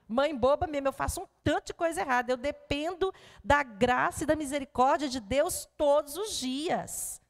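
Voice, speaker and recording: A woman's voice: sits high, normal speed, hardly any pauses, long reverb tail. A woman pedagogue giving a parenting talk at a church, telling stories and speaking directly to her audience. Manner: animated storytelling to an audience. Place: church hall before an audience.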